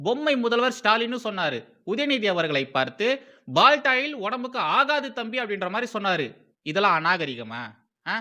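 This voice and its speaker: A man's voice: high-pitched, sharp tone. A man from Tamil Nadu giving heated, scornful political commentary as a channel host.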